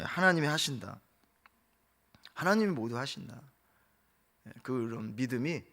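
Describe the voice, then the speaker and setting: A man's voice: mid-range voice, creaky, fairly bright tone. A middle-aged man preaching a dawn prayer sermon as pastor, impassioned, firing off rhetorical questions and acting out quotes. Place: church sanctuary.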